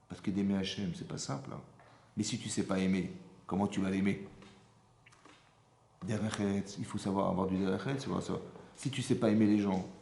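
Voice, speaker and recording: A man, a rabbi, giving an informal Torah lesson, animated and often checking with his audience through rhetorical questions. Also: on the low side, gravelly. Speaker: rabbi teaching a class. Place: synagogue hall. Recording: roomy hall echo.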